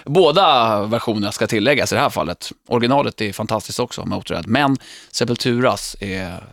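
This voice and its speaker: A man's voice: fairly low pitch, lively intonation, gravelly, fairly bright tone, no room sound, studio quality. A man co-hosting a casual music podcast chat, talking enthusiastically and laughing as he tells stories. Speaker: podcast co-host.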